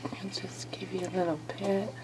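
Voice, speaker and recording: A young woman filming a pet lizard, often whispering gently and giggling as she coaxes it. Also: mid-range voice, little pitch movement, normal speed, background noise. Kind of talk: casual home video narration.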